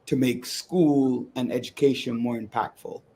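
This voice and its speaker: A man's voice: mid-range voice, fairly even intonation, darkish tone, a little hiss or hum. Easygoing older male talk show co-host. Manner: measured, teasing, switches into Spanish. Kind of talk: casual radio talk show chat.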